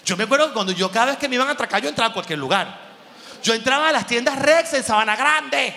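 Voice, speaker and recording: A man with a Venezuelan accent doing a slangy stand-up comedy monologue, animated and acting out voices. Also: very high voice, quick pace, vocal fry, big-room sound, a little hiss or hum.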